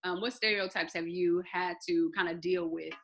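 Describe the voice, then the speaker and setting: A woman hosting a group discussion, asking thoughtful questions with pauses as she searches for words. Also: on the low side, fairly even intonation, a bit bright. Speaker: host.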